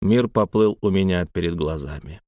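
A man narrating a first-person story as an audiobook in a calm, even delivery. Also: low-pitched, normal speed, no echo, clean studio sound.

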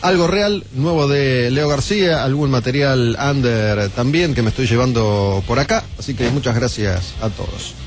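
Radio host, man, Argentine, middle-aged; chatty, joking studio banter over a quiet music bed. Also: mid-range voice, normal speed, few pauses. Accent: Argentine Spanish.

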